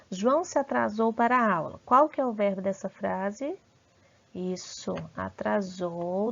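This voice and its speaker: A woman with a Brazilian Portuguese accent teaching a grammar lesson over slides. She asks her students questions and praises their answers warmly. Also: medium pitch, vocal fry, muffled recording.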